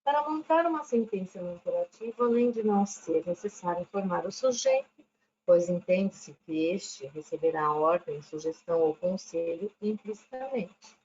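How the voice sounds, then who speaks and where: A woman's voice: fairly low pitch, expressive, normal speed, darkish tone. A woman, an English teacher giving a recorded lesson. She explains patiently, checks in often with "né?", and reads English examples carefully. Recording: dull lo-fi recording with faint background noise.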